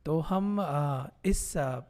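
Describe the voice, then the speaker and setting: A woman's voice: low voice, drawn-out words, warm tone. A woman teaching a tutorial lesson, patiently checking in with learners and mixing Hindi and English. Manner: patient, often checks in with "ठीक है?". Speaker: language teacher.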